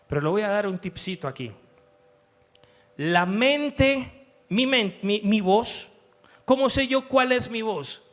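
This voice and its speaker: A man's voice: sits high, animated, takes it slowly, pauses often. A man preaching a sermon as pastor, emphatic, acting out the inner voices he describes. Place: church.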